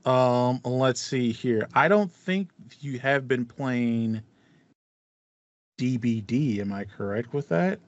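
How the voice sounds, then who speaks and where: Speaking slowly but with animation, a man with a mid-range voice hosts a gaming podcast in a casual, sympathetic, mock-indignant way. There's no room sound; he uses a video-call headset in a small indoor room fitted with acoustic foam, and the online call sounds slightly dull and lo-fi.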